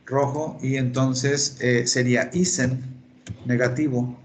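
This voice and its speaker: A man's voice: mid-range voice, steady tone, slow. A male English teacher giving an online class, explaining step by step and repeating key terms over a computer microphone. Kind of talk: online class lecture in Spanish. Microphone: computer mic on a video call.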